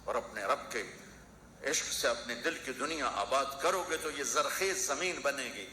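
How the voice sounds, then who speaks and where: Man, preacher, impassioned sermon, tense bright voice, roomy echo, faint ambience. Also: medium pitch, a little hiss or hum. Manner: impassioned, rhythmic repetition. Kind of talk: emotional sermon storytelling. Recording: echoey hall with faint ambience.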